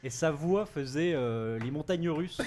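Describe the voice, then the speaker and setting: High-voiced amused man in a podcast chat. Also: animated, unhurried, very noisy. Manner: amused storytelling, laughing often. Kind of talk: casual chat.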